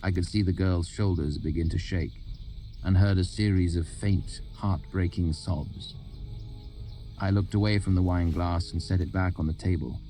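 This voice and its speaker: A man reads an audiobook in a steady, even voice. His voice is deep and mellow with a dark tone, and faint music plays underneath. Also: moderate pace. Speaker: audiobook narrator. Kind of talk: scripted narration.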